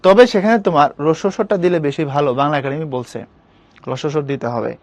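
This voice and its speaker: A man's voice: a little high, quick pace, darkish tone, no echo. A young man teaching an online spelling class, casual and coaxing, often checking whether students understand. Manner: colloquial, coaxing, keeps asking students if it is clear.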